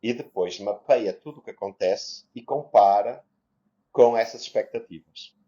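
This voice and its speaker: A man's voice: fairly low pitch, normal speed, warm tone. A man, co-hosting a podcast and explaining ideas reflectively. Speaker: podcast co-host. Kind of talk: casual chat, explaining. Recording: slightly muffled lo-fi sound.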